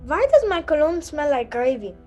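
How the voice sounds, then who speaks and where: A woman's voice: sits high, very animated, moderate pace, darkish tone, dull audio, faint music behind. A woman playing a dim, carefree, greedy little boy in a comic fairy-tale stage play. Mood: guileless.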